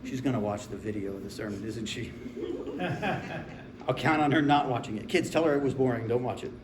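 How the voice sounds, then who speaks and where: A man's voice: medium pitch, moderate pace, noisy background. A man in his forties preaching a sermon in a conversational, humorous storytelling way. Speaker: pastor. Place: church sanctuary. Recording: echoey room with faint ambience.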